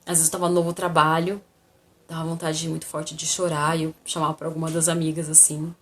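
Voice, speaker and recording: A woman's voice: low voice, brisk, a little hiss or hum. A woman telling her own story in a casual vlog, acting out the dialogue as she goes. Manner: animated, acts out the dialogue.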